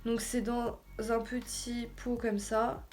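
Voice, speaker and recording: High-voiced French woman chatting casually, French-accented English words. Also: flat delivery, slow pace. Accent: French, heard also in her English. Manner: informal, slangy, self-deprecating. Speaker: beauty vlogger. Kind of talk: casual haul video chat. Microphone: camera in front of her with ring light.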